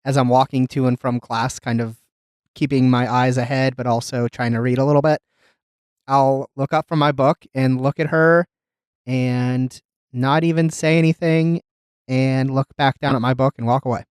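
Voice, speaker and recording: A man playing a tabletop game who pauses and thinks aloud before acting. His voice is smooth and mid-pitched, recorded dry and close. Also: steady tone, darkish tone, no room sound. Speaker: player.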